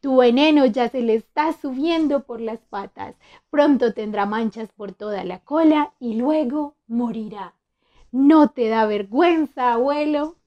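A woman's voice: on the high side, unhurried, dull audio, close to an everyday voice. Woman voicing a little eager young toad. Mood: scolding. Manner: eager, shouting out.

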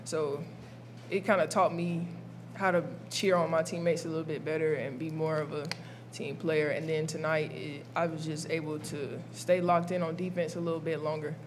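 Young freshman girl at a presser, flat voice, noticeable hum in the back. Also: sits low, moderate pace. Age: young adult. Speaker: college basketball player. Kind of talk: post-game press conference answers. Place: press conference room. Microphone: table mic.

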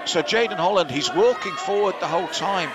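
A high-pitched, animated man talks fairly quickly, delivering live analysis from ringside at an indoor kickboxing event and weighing in personally on the scoring. Heavy crowd and venue noise from the live audience surround him.

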